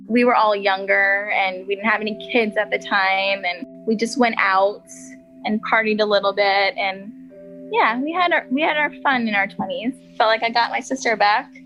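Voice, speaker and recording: A woman's voice: mid-range voice, pushed and bright, poor audio. A woman interviewee recalling her sister in a chatty, casual way. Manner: chatty, with frequent "like" fillers.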